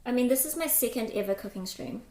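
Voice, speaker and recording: A woman streamer with a fairly high voice talks loosely and a bit scattered, greeting her viewers one by one. Her voice rings in an echoey home kitchen. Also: animated, quick pace, a little mellow. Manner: chatty, greets viewers by name, scattered and distracted. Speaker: live streamer. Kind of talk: casual live-stream chat.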